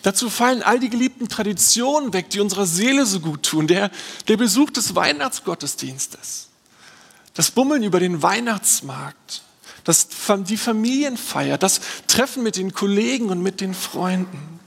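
High, gravelly-voiced pastor in a reverberant hall. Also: male voice, very animated, normal speed. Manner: earnest, reflective preaching with many rhetorical questions. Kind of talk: sermon.

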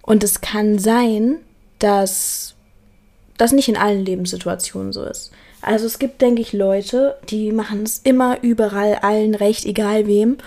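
Young woman, host, reflective solo talk, earnest, mellow tone, repeats and restarts. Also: medium pitch, fairly even intonation, unhurried. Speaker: podcast host.

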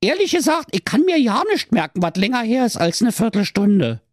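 A narrator voicing a dim-witted, frantic young mother with a Berlin accent in a squeaky, shrieking voice. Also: very animated, fairly quick, no room sound, studio quality. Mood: scatterbrained.

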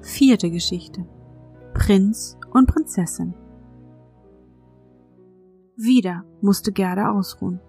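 Gentle woman reading a bedtime fairy tale, hushed and soft, quiet music under it. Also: mid-range voice, slow pace, long pauses, breathy edge. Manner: soft, warm and hushed, addressing a child. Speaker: podcast host and storyteller.

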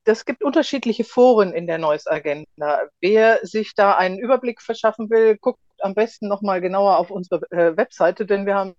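A woman speaks in as a guest explaining things in an interview. Her voice has a medium pitch. The recording is dry and a little dull, with muted detail. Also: normal speed, few pauses, darkish tone, no room sound. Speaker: spokeswoman of a local association, podcast guest.

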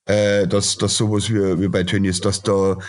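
In a casual podcast interview, a middle-aged chef and restaurateur speaks bluntly and rants, packing his talk with fillers and restarts. His voice is low-pitched and level in tone, at normal speed.

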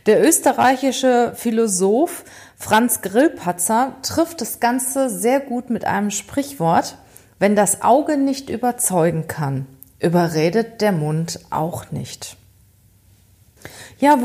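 A woman presents an educational podcast in a relaxed, conversational way. She speaks straight to the listener and keeps asking rhetorical questions as she explains her points. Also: mid-range voice, takes it slowly. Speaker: podcast host.

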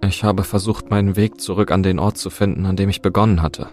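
A man's voice: low-pitched, fairly even intonation, a little fast, darkish tone, faint music behind. A man narrating a scripted first-person horror story in a tense, dramatic way.

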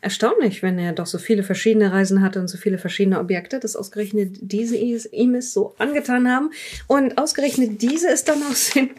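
In an improvised audio drama, a woman plays a curious, probing interviewer examining a dead man's journal, reading from it and asking questions in a measured, thoughtful way. Her soft, mellow voice is mid-range, steady, and close to everyday speech, with a little hiss or hum.

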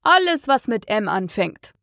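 Woman doing a hoarse sleepy dormouse. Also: a little high, big pitch swings, fairly bright tone, no room sound, clean studio sound, full character voice. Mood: drowsy grumbling. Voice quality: hoarse, weak. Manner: slow, drowsy, touchy. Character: sleepy old male dormouse, grumpy.

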